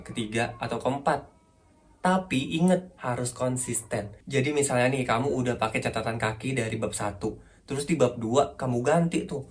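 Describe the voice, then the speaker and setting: A young man with a casual manner giving a relaxed writing lesson, correcting himself and laughing often. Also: medium pitch. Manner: chatty, self-correcting, laughs often, asks viewers questions. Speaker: writing tips host.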